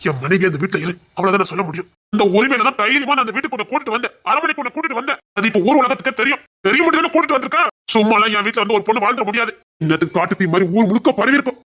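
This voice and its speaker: A woman's voice: a little high, very fast, sharp tone. Woman playing a drunk, possessive young husband. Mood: earnest insistent.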